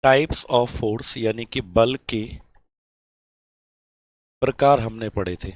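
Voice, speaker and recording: A man's voice: mid-range voice, drawn-out words, dry recording. A male science teacher running a live online class, chatting with students and reading their comments aloud.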